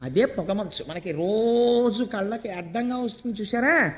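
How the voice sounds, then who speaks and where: High-voiced man giving a storytelling religious discourse. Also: measured pace, lo-fi sound. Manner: animated storyteller, voicing characters' lines. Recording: long hall reverb.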